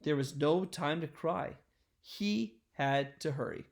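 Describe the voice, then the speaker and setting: In a fairly high, creaky voice, a man reads a children's picture book aloud, telling the story expressively and deliberately.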